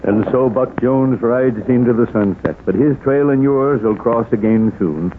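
An American man announces in the style of an old radio show host. His delivery is scripted, at a medium pitch. The sound is narrow and tinny, with clear vintage noise. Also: normal speed.

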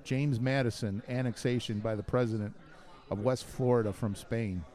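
A man's voice: medium pitch, steady tone, moderate pace, darkish tone. A man co-hosting a casual chat, reading facts aloud and trading cheesy pickup lines. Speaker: co-host.

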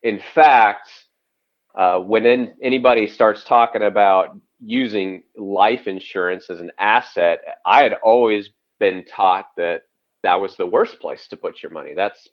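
Calling in by phone from home, a man with a fairly low, unhurried voice tells his story as a podcast guest. He's conversational, restarting often and saying "you know" a lot. The phone line sounds dull and lo-fi.

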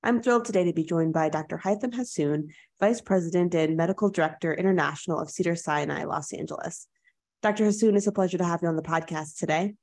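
A woman hosts a podcast interview with a slightly low voice. She introduces her guest and frames her questions in a smooth, upbeat manner. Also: fast talker, a little mellow. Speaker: podcast host. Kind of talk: interview hosting.

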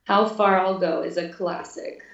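Her pitch is medium and her intonation fairly even, with a slightly slow pace. She's a music therapy intern in her twenties having a casual interview chat full of fillers and laughs, captured in a dull, roomy, distant recording.

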